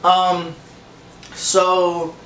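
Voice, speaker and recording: A young adult vlogger with a stuffy nose rambles animatedly through a casual story time, laughing often, gesturing with his hands, restarting and drawing out words in a fairly high voice. He's indoors in an echoey room with a leather couch, and the camera mic sits a bit far off, catching a faint hum.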